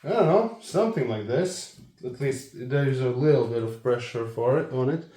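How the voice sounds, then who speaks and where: Man on an echoey low-quality phone recording. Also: lively intonation, moderate pace, dark tone. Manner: hesitant, self-deprecating, thinking aloud. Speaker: car vlogger. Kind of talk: casual DIY walkthrough. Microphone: phone, no microphone.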